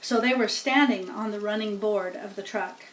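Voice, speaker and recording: A medium-pitched woman reads a children's story at a normal speed, narrating plainly in a slow read-aloud manner and chatting through casual explanations. Her home recording is roomy and distant, with a little hiss or hum.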